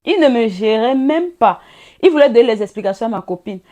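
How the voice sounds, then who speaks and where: Lively woman telling a story. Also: fairly high pitch, a little fast. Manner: lively, laughing, addresses viewers directly. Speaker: vlogger. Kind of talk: casual storytime chat.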